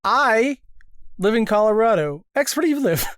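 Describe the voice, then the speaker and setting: A woman's voice: a little high, big pitch swings, no room sound, clean studio sound. Playful laughing female co-host. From Philadelphia area. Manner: playful, quick jokes, laughs a lot. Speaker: podcast co-host. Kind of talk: casual chat.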